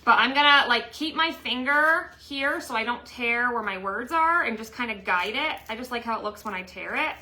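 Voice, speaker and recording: A woman's voice: a little high, animated, moderate pace, hardly any pauses, bright, forceful tone, rough recording. A woman chatting casually at home while she works on a craft project, teasing her husband and laughing along. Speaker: craft livestream host. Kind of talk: casual craft livestream chat. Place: home workroom.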